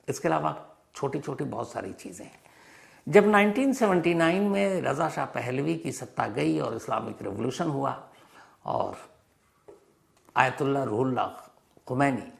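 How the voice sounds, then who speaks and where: A gravelly-voiced man with a medium pitch hosts a crime and history show, narrating a storytelling explainer. His delivery is dramatic and emphatic, and he repeats phrases for effect.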